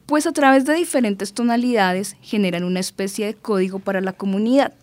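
A woman's voice: medium pitch, a little fast. A woman playing a patient mother who reads and explains a story in an educational radio drama. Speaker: mother and narrator.

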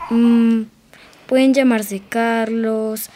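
A woman's voice: a little high, level tone, drawn-out words, mellow. A woman voicing a curious, cheerful young boy in an educational radio drama, asking eager questions. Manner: eager, inquisitive.

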